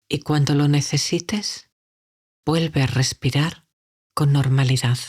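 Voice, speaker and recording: Slow, low-voiced woman guiding a meditation. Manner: soft, calm and unhurried, with long pauses. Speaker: meditation guide. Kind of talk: guided sleep meditation.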